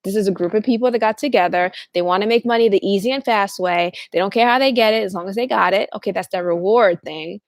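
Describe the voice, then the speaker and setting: A woman's voice: medium pitch, fast talker, few pauses, no room sound. A woman hosting her own channel, talking in a rambling, casual monologue, often restarting sentences and acting out what other people say. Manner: rambling, restarts often, acts out quoted voices. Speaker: channel host.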